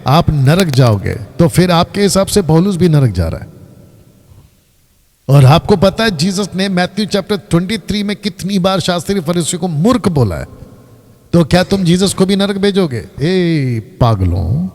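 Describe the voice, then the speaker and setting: A man, a pastor teaching live from the Bible in an animated way, stopping his reader and quizzing the audience. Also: high voice, moderate pace. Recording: long hall reverb.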